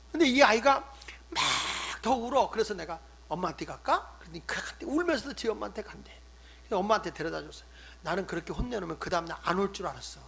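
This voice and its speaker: An older man, a pastor, preaching a sermon, swinging between loud emphatic stresses and hushed asides. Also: sits high, vocal fry, breathy edge. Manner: acts out scolding quotes in conversational tone.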